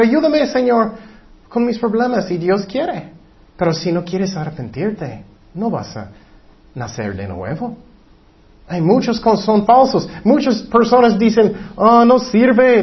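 A man preaching a sermon, firing rhetorical questions and answering them himself, and reading Bible verses slowly. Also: high-pitched. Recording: dull lo-fi recording.

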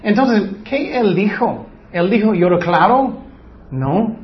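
A man's voice: high voice, sing-song, takes it slowly. A man preaching a Bible lesson, arguing his point with rhetorical questions and mocking quotes of what others say. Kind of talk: Bible teaching. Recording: slightly dull lo-fi sound.

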